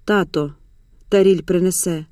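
A woman reading the part of a shocked, desperate young woman, with a high, strained, pleading delivery. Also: fairly even intonation, unhurried, mellow, no echo, studio quality, close to an everyday voice. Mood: flustered. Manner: pleading, raised and shrill.

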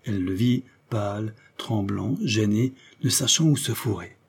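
A man narrating a historical story aloud in a measured, dramatic storytelling manner. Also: fairly low pitch, breathy edge. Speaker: audiobook narrator. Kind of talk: scripted narration.

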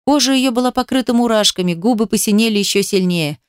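Smooth-voiced woman reading a storybook. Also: fairly high pitch, quick pace, dry recording, studio quality. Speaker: audiobook narrator. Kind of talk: storybook narration, first person.

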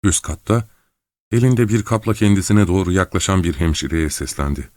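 A man reading a novel aloud as an audiobook narrator, steady and measured. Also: low-pitched, no room sound. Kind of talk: scripted narration.

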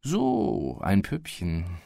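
A man doing a corpulent gentleman in a radio play, hushed and oily at first, then shouting in a temper. The voice sits low and the room is dry, with no echo. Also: wildly swooping pitch, very slow, creaky, heavily acted. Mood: hushed wheedling. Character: portly middle-aged male official, creepy, wheedling then furious.

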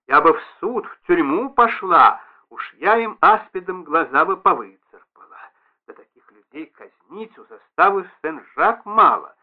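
Guy voicing a gushy reproachful fat concierge lady, pitched up high, thin phone-like radio audio. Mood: gushing. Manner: wheedling, reproachful, effusive. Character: stout fussy gushing middle-aged concierge woman. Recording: tinny band-limited radio broadcast.

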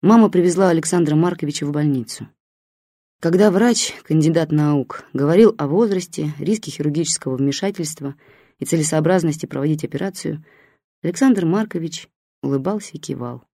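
Calm female audiobook narrator, mellow dark tone, dry studio sound. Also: deep voice, fairly quick, no echo. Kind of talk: first-person story narration.

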